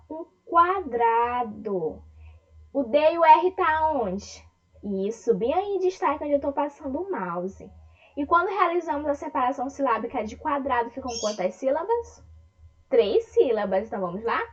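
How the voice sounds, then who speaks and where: A woman teaching an online lesson to young children, speaking with a Brazilian Portuguese accent. She talks slowly and breaks words into syllables, often asking the class questions. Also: high-pitched, dull audio. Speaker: primary school teacher.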